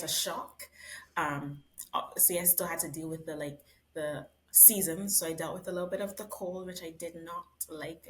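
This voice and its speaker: A low-pitched woman from Barbados, speaking as an interview guest. She is thoughtful and measured, pausing often as she reflects on her answers. Her tone stays soft-spoken and unhurried. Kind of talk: reflective conversation.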